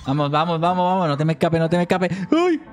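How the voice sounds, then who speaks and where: A man commentating his own gameplay, excitable, shouting and laughing as he eggs himself on. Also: on the high side, very fast, faint music behind. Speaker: gaming video host.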